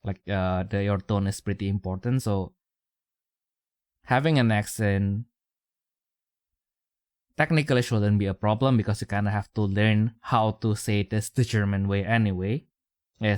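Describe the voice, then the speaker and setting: A man's voice: lowish voice, a little mellow, clear, resonant tone, no room sound, studio quality. A young man with an Indonesian accent chatting casually as a podcast co-host, rambling through fillers and restarts. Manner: rambling, many fillers and restarts, chuckles often.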